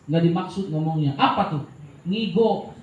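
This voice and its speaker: A man's voice: fairly high pitch, moderate pace. A man, teaching grammar from a classical text in a casual way that asks and answers his own questions. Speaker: religious teacher. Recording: echoey, dull room recording.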